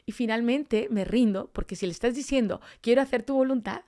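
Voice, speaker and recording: Her voice is fairly high and warm, and she talks a little fast. Appearing on a podcast, this street evangelist tells her personal testimony in storytelling fashion, acting out the conversations she recalls.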